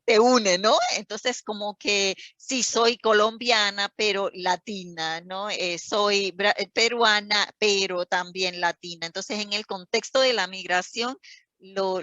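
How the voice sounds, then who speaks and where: A woman's voice: medium pitch, fairly bright tone, no room sound. A woman from Puerto Rico with a Puerto Rican Spanish accent, speaking as a seminar panelist on a video call, hesitant with many fillers and restarts. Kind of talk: academic talk on a video call.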